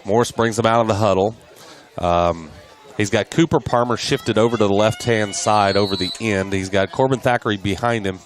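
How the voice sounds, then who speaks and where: A man doing live play-by-play for a high school football game, excitable and jumping up in pitch on big plays. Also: moderate pace. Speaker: play-by-play announcer. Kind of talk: live sports commentary.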